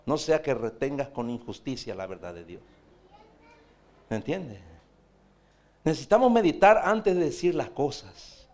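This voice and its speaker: A man's voice: mid-range voice, expressive, unhurried, pauses often, a little mellow. A man, preaching a sermon as pastor, pressing his point with repeated rhetorical questions.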